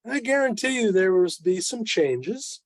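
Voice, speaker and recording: A man in his seventies speaks informally to a club over an online video call, his voice high, sing-song and a little slow. His manner is wry and self-deprecating, and the audio is clean studio sound with no echo.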